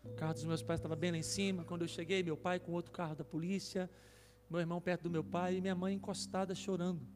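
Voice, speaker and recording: A man's voice: high-pitched, flat delivery, quick pace. A man preaching as a pastor, telling a story with emotion and rising intensity at its peaks. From Brazil. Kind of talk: sermon testimony. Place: church hall. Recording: reverberant church hall with soft music.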